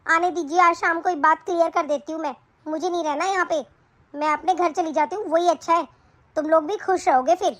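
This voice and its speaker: A woman voicing a spoiled, quarrelsome young married daughter in an animated story, talking in a whiny, complaining, defiant way. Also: very high-pitched, fairly quick, slight background noise.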